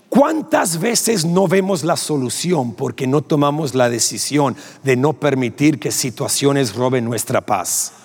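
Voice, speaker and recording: A man's voice: fairly high pitch, husky. A man with a Rioplatense Spanish accent preaching a sermon, animatedly telling a story and acting out the dialogue, often with laughter. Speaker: pastor. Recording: long hall reverb.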